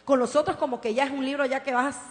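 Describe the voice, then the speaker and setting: A woman pastor preaching a sermon in a church, swinging from impassioned declarations to soft, tender storytelling. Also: high voice, fairly even intonation, fast talker. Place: church sanctuary. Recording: reverberant hall with mains hum.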